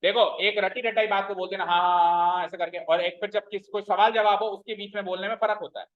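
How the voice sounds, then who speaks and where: Stern Hindi-speaking maths teacher, high voice. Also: male voice, fairly even intonation, fast talker. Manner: stern, repetitive, quizzes students. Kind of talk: classroom lecture. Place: classroom. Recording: roomy, dull lo-fi classroom recording.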